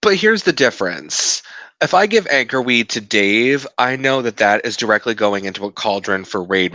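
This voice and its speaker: Guy hosting a gaming podcast, teasing and upbeat, kinda low bright voice, dry mic. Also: no room sound. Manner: upbeat, teasing, quick asides. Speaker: podcast host. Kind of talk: casual gaming podcast chat.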